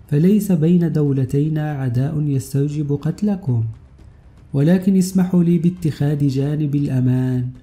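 A man voicing a calm, fearless male intelligence officer in an audiobook story, speaking with quiet, sardonic confidence. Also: fairly high pitch, natural voice. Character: calm, fearless male spy hero, mocking.

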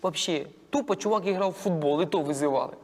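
Sketch comedy: a man doing a high, shrill, gossipy cleaning lady, echoey room. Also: quick pace, close to an everyday voice. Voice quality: shrill put-on female voice, surzhyk speech. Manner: chatty, giggly, exaggerated. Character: gossiping middle-aged woman, parliament cleaner. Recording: echoey room with faint noise.

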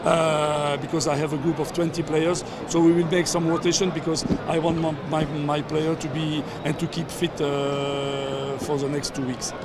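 With little pitch movement in his high voice, an older male football coach barks through a post-match press scrum outdoors at a sponsor backdrop. Reporters crowd him with handheld mics and phones as outdoor noise carries behind. His words come haltingly, full of fillers and repeats, in non-native phrasing.

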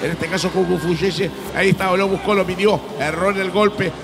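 A man with an Argentine accent giving excited, emphatic play-by-play wrestling commentary, repeating words for effect. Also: sits high, normal speed, gravelly. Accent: Argentine Spanish.

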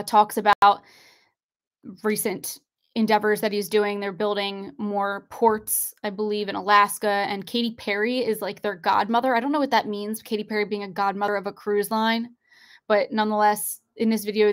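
A woman's voice: mid-range voice, clean tone. A young woman hosting an online livestream, reading articles aloud and pressing her viewers with rhetorical questions from her desk. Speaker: online show host. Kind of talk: conspiracy commentary livestream. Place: indoors at a desk, screen-sharing.

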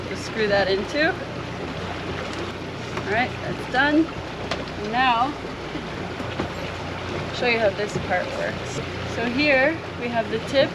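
Woman explaining gear on a windy boat. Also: on the high side. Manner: relaxed, step-by-step explaining with fillers like "like" and "so". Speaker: spearfishing vlogger. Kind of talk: casual how-to demonstration. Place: open boat deck on the sea, outdoors. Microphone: action camera on the boat. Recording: action camera with loud wind and sea noise. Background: loud wind and water noise.

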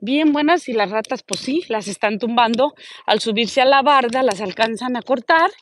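A woman chatting casually into her phone while she walks outdoors, and she coos in a high voice at the dogs she passes. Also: moderate pace, slight background noise. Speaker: vlogger. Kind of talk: casual walking vlog. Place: outdoors on a neighborhood street. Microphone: phone held while walking.

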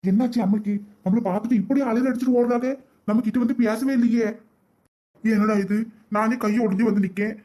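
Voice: mid-range voice, steady tone, brisk, warm tone, natural voice. A performer voicing an injured, baffled grown son in a cartoon comedy, complaining in a Kanyakumari Tamil accent. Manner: exasperated, complaining.

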